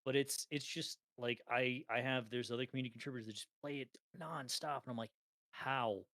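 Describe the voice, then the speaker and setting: Here the same kind of co-host, a man in his thirties on a casual gaming podcast, speaks at medium pitch and a fairly quick clip. He laughs a lot, tells lively stories and swears offhandedly, with no echo in the sound.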